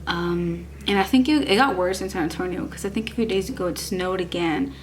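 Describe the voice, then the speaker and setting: A woman's voice: on the low side, a little fast, slight background noise. A young woman from Texas, chatting casually through a makeup review and rambling with lots of likes and restarts. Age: young adult. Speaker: beauty vlogger.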